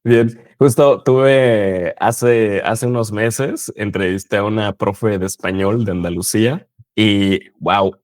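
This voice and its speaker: A man's voice: fairly low pitch, fairly even intonation, slow, darkish tone, dry recording, clean studio sound. A man hosting an interview, asking short, engaged follow-up questions. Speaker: podcast host. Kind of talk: casual interview chat.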